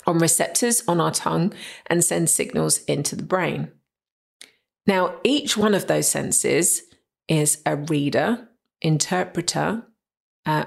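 A woman with a low, husky voice hosts a solo podcast. She has a gravelly edge and explains her points with eager emphasis, often stopping to ask rhetorical questions. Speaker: podcast host.

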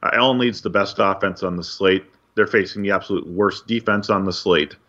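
Wry low-voiced man, lo-fi podcast. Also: fairly quick, a bit bright. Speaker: podcast co-host. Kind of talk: casual podcast chat and news reading. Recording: dull lo-fi sound.

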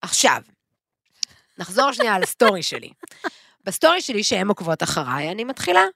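A woman in her forties chats on a podcast with a gravelly, slightly rough edge to her voice. She tells stories animatedly, slipping into the voices of the people she quotes. The sound is dry and close, with little room behind it. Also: medium pitch, sing-song, fairly bright tone, no echo. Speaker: podcast co-host. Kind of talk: casual chat.

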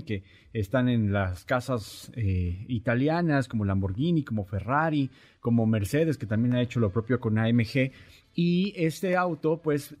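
A polite, formal male car reporter, greeting listeners and agreeing readily. His pitch sits right in the middle for a man. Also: a little mellow. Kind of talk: casual radio show chat.

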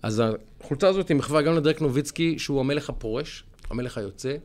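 A man co-hosting a podcast, telling stories in an emphatic, animated way. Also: on the high side. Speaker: podcast co-host. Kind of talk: casual chat.

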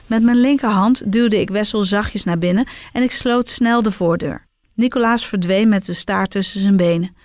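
Woman narrator, confiding diary reading, soft music underneath, mid-pitched. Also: no echo, studio quality. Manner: intimate, confiding storytelling. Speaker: narrator of a serialized diary story. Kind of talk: scripted first-person narration.

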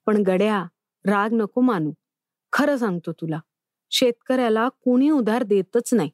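A woman's voice: fairly high pitch, a little mellow, no echo, clean studio sound, natural voice. A woman voicing a male village goldsmith who is friendly but blunt in a storybook reading. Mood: matter-of-fact. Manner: brisk, matter-of-fact.

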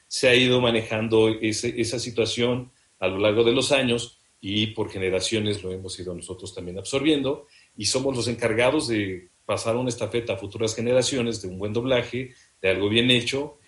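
A Mexican man with a fairly low voice speaks on a panel about his craft in a measured, reflective way. The audio sounds roomy. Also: steady tone, fairly bright tone. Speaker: voice actor. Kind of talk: panel talk.

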